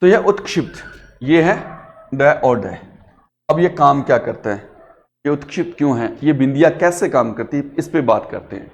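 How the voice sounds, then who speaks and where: A man's voice: medium pitch, animated, moderate pace. Hindi teacher quizzing his class. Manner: explains step by step with frequent quiz questions. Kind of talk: classroom lecture.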